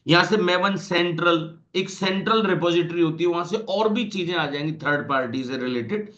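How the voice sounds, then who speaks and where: A man's voice: high-pitched, normal speed, a bit bright, dull audio. A man with an Indian accent teaching a coding tutorial in Hindi mixed with English terms, explaining step by step and checking in with the viewer. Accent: Indian Hindi, mixing English terms. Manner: explanatory, addresses viewer directly, frequent "right?". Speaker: programming tutor. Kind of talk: screen-recorded coding tutorial.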